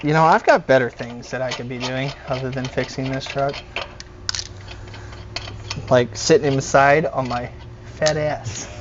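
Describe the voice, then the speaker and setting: A man's voice: mid-range voice, steady tone, measured pace, long pauses, dull audio, background noise. A man co-hosting a casual truck repair vlog in a garage, explaining steps with wry, joking banter. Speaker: co-host of a repair channel.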